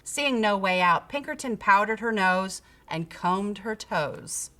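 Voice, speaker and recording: Female storybook narrator: slow, deliberate, theatrical delivery with very lively pitch and bright tone. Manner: theatrical, deliberate, dramatic emphasis. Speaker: storybook reader. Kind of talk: expressive children's picture book narration.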